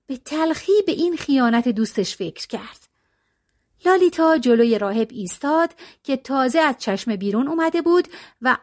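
A woman narrating a folk tale for an audiobook. Her voice is high and very animated, gliding up and down as she reads with melodic expression. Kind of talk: storybook narration.

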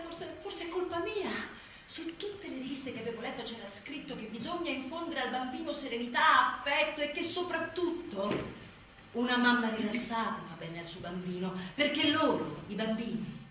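A woman playing an exhausted, furious new mother in a theatrical monologue, biting and sarcastic, swinging from shouts to hushed tones. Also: sits high, distant mic, a little hiss or hum. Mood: weary. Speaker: stage actress. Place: theatre stage. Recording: very echoey stage recording from afar.

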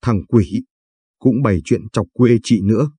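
A man's voice: fairly low pitch, unhurried, warm tone, husky, dry recording. A man reading as a flustered young woman. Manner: flustered, scolding. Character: shy young woman of twenty-two, easily flustered.

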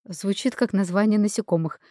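A woman's voice: medium pitch, a little fast, dark tone, no echo, clean studio sound, close to an everyday voice. A woman reading an audiobook and voicing a blunt, teasing young woman naturalist.

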